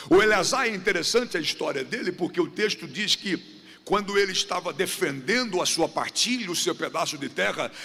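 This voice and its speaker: Animated high-voiced preacher in a hall. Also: male voice. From Brazil. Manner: animated preaching with repeated refrains and acted-out dialogue. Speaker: guest preacher. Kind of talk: sermon. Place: church sanctuary. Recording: church hall reverb.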